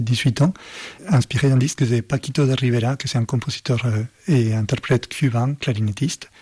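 A man, a composer and performer speaking as a guest in a radio interview, talking slowly and haltingly as he searches for words. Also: mid-range voice, darkish tone, breathy edge, dry recording. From Argentina.

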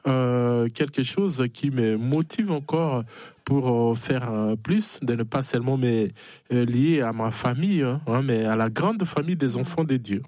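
A Congolese man from the Democratic Republic of the Congo talks as a missionary priest in a conversational interview, giving personal testimony in a Congolese French accent. His mid-range voice is a little slow and a little mellow, with no room sound. He hesitates and keeps slipping in small affirming tags.

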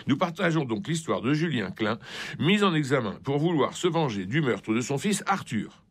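A man's voice: mid-range voice, very animated, moderate pace, husky, no room sound. A man presenting a scripted book review in an emphatic, rhetorical way, as a radio critic. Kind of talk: scripted book review, with quoted passages read aloud. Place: radio studio.

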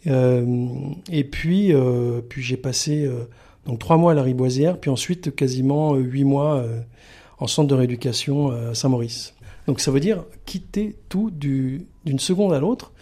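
A middle-aged man from the Paris region, speaking as a guest in a radio interview and pausing often with fillers. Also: medium pitch, mellow. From Paris region, France. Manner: halting, many filler pauses. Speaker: sanctuary communications manager, guest.

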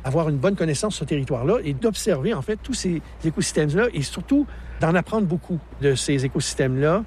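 A fast-talking park naturalist in his sixties, Québécois accent and all, explains the landscape with enthusiasm during an outdoor interview, laughing easily. His voice is a little high, animated and a little mellow, with slight background noise.

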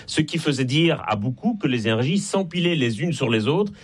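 A man with a Belgian French accent speaks at medium pitch and a moderate pace, animated and slightly rough. He's a guest expert and author on energy transition in a radio interview, explaining things articulately and didactically.

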